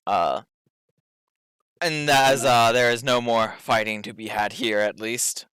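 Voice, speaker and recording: Clear, bright-voiced man running a tabletop game. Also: medium pitch, slow pace, dry recording. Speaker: game master. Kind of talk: casual improvised tabletop game narration.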